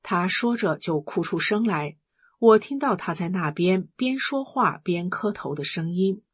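A woman reading a first-person testimony article aloud in a steady, earnest narration. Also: lowish voice, a little slow, slightly rough, no room sound. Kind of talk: scripted narration.

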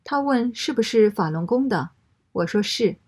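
A woman reading a first-person story aloud in a steady, matter-of-fact way. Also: a little high, normal speed, breathy edge.

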